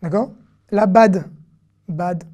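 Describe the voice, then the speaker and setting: Mellow-voiced woman teaching a language. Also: on the low side, very slow. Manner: repeats each word several times, patient and explanatory. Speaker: Hebrew teacher. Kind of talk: online language lesson.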